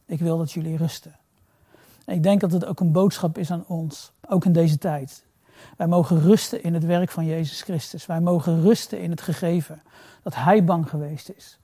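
A man preaching a sermon in a reflective way. He repeats phrases for emphasis and drops to a soft, low voice on key words. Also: fairly even intonation, normal speed, slightly rough, dry recording, clean studio sound.

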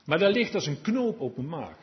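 A man's voice: fairly high pitch, big pitch swings, normal speed. A man preaching a sermon, chatty and confiding, sometimes dropping to a murmur and then rising to earnest exhortation. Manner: conversational and confiding, drops to a murmur then rises to emphatic exhortation. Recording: dull lo-fi recording.

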